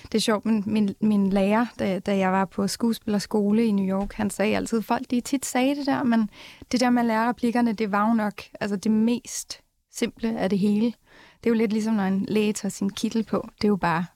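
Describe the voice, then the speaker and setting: A woman's voice: mid-range voice, steady tone, darkish tone, no room sound. A woman actress as an interview guest, candid and self-deprecating, laughing easily. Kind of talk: casual interview chat.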